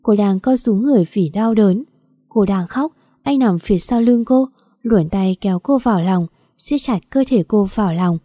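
Female audiobook narrator, even storytelling, mellow timbre. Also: mid-range voice, moderate pace, no echo, studio quality.

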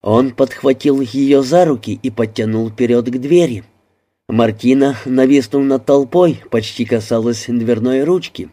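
A man narrating an audiobook in a measured, even reading. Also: medium pitch. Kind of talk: scripted narration.

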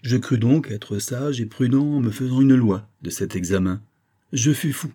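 A man's voice: mid-range voice, normal speed, dark tone, lightly acted. A man reading aloud and voicing an earnest young colonel who explains himself insistently.

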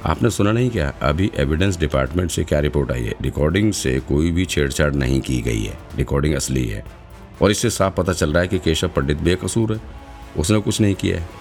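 A man's voice: extremely low pitch, expressive, brisk, a little mellow, faint music behind. A man doing a cheeky young woman trainee. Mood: indignant. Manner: teasing, impatient.

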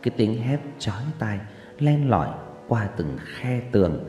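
A man tells a scripted horror story in a low, mellow voice that rises and falls dramatically. He builds suspense with slow, drawn-out pauses. A long echoey reverb and soft background music wrap around the narration. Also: sing-song. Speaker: audiobook narrator.

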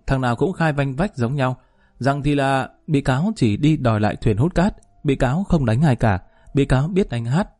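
A man's voice: mid-range voice, warm tone. A man narrating a first-person story in a colloquial, wry and mocking way.

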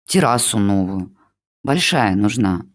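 A reader voicing a melodramatic older mother who plays a pitiful old woman and flatters her son-in-law in a gushing, theatrical manner, as an audiobook character. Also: sits low, unhurried.

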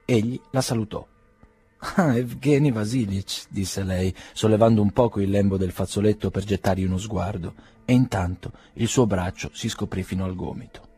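A man reading a novel aloud in calm, measured narration. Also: lowish voice, husky. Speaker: audiobook reader. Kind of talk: scripted narration.

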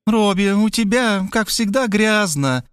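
A man's voice: high voice, expressive, a little slow, a bit bright, clear, resonant tone, no echo, clean studio sound, pitched above the performer's own voice. A man voicing a pushy, scolding elderly mother in an audiobook. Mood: nagging. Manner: scolding, insistent, dramatic. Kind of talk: audiobook character voice.

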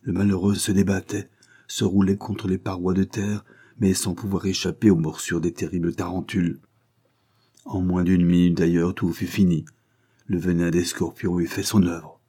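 A man reads an adventure novel aloud in a very low, husky voice. His tone is dark and mellow, and his storytelling stays steady and measured. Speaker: narrator. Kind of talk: audiobook reading of an adventure novel.

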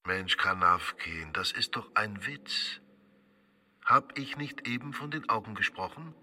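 An actor playing a sly stage conjurer in a radio drama, talking in a smooth, coaxing, mock-confidential way. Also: male voice, a little high, sing-song, measured pace, sharp tone, heavily acted. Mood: teasing. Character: sly male stage conjurer, probing and teasing.

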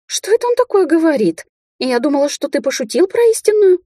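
A woman voicing a hysterical, spiteful young she-wolf in an audiobook, with a shrill, squealing voice. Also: very animated, brisk, dark tone, dry recording, clean studio sound. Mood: whiny. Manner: hysterical shrieking.

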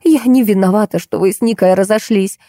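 A woman voicing an emotional young mother who speaks in a high, drawn-out, pleading way. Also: dark tone, no echo, studio quality, close to an everyday voice. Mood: defensive.

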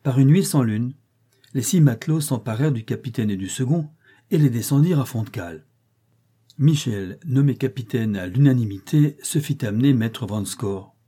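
A man reading a nineteenth-century short story aloud, with expressive, theatrical narration. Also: medium pitch, normal speed, slightly rough. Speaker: audiobook reader.

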